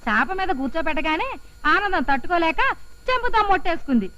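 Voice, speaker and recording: An actress playing the bride's relative, who explains things rapidly and eagerly. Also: female voice, extremely high pitch, full character voice. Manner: rapid and animated.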